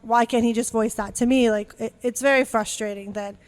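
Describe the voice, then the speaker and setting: A woman's voice: a little high, steady tone, brisk. A young woman co-hosting a casual podcast, venting in a frustrated, rambling way, swearing freely and circling back with restarts. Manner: many fillers and restarts. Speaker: podcast co-host.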